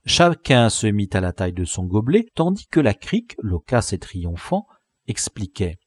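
A man narrating a novel as an audiobook reader, in a lively, expressive storytelling manner. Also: lowish voice, normal speed, no echo.

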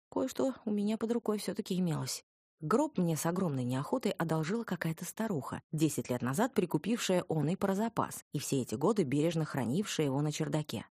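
Low husky woman reading an audiobook. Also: a little mellow, dry recording, studio quality. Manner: wry, ironic storytelling. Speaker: audiobook narrator. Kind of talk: first-person audiobook narration.

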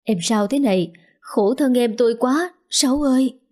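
A woman's voice: on the high side, expressive, moderate pace, mellow. A woman voicing a worried middle-aged older sister, anxious and emotional.

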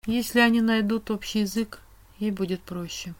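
A woman voicing a brisk, teasing witch whose voice turns strict and cold. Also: medium pitch, fairly even intonation, lightly acted.

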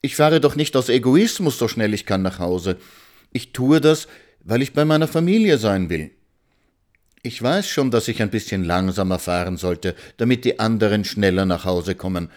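A worn-out mother who sighs her way through every complaint, resigned and a little defensive about her family. A male narrator reads her lines in a spoken storybook, staying close to his own low voice. It sounds like everyday talk rather than a big put-on. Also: lively intonation, normal speed, darkish tone, natural voice. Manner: sighing, resigned.

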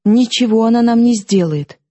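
A woman's voice: a little high, expressive, unhurried, husky, no echo, voice pushed up. A woman reading an audiobook, voicing a defiant, mocking young woman who lashes out at her sister. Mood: scornful. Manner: sharp, mocking, impassioned outbursts.

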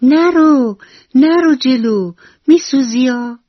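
A woman voicing an excited little mouse child with an eager, drawn-out way of talking, in a radio bedtime story. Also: medium pitch, dry recording, voice pushed up, lightly acted. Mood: alarmed. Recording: dull lo-fi radio recording.

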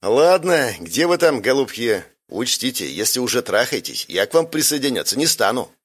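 A man voicing a sharp-tongued young woman sniper who talks in a mocking, sarcastic way. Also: medium pitch, big pitch swings, brisk, big-room sound.

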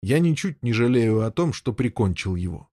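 A man doing a stern, calm noble knight. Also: medium pitch, normal speed, no room sound, studio quality.

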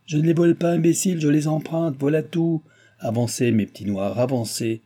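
A man's voice: medium pitch, normal speed, warm tone, slightly rough, natural voice. A man voicing an arrogant, impatient young nobleman who bullies a postmaster. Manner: arrogant, imperious, raised voice. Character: haughty impatient young nobleman, quick-tempered.

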